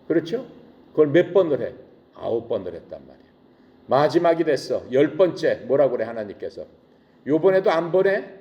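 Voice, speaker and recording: A male preacher retelling a Bible story in a casual, animated way, full of rhetorical questions. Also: medium pitch, a little fast, dull audio. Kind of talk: sermon.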